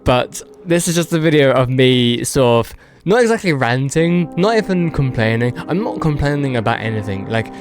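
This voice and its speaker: A video host with a mid-range, animated voice offers casual, unscripted commentary at a normal speed, with music playing underneath. He rambles and hedges as he goes, repeating words for emphasis.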